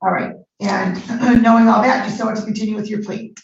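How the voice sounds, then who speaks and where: A woman judge presiding over formal court proceedings, speaking in a firm, measured way, heard on a courtroom recording. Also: mid-range voice, fairly even intonation, gravelly, a little hiss or hum. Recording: muffled echoey courtroom recording from far off.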